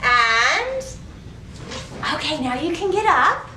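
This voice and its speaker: Slow-paced and very animated, a woman with a high voice speaks in a bright, forceful tone. She leads a children's library storytime, asking questions in a sing-song manner, giving instructions and reading picture books, recorded on a distant mic in a roomy space with faint background noise.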